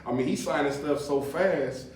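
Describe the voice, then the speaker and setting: A man with a fairly high, slightly mellow voice hosts a podcast, chatting casually about politics at normal speed. He talks loosely, chuckles often, and fills his speech with fillers and restarts. The room is very echoey, the mic is far away, and there's faint noise.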